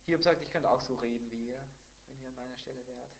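A man teaching a Bible sermon in a conversational way, with blunt asides, who grows louder and higher when he reads scripture quotes. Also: fast talker, vocal fry, poor audio. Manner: emphatic, rising in pitch and volume when reading scripture quotes. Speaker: preacher.

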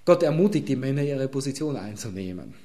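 A man's voice: mid-range voice, very animated, brisk, mellow. A pastor preaching, expounding a Bible passage and speaking directly to his congregation. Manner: addresses congregation directly, emphatic Bible exposition. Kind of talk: sermon.

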